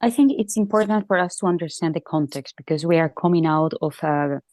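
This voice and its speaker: A woman journalist from Chile giving measured panel commentary over a remote line, pausing to search for words. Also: low voice, darkish tone, dry recording.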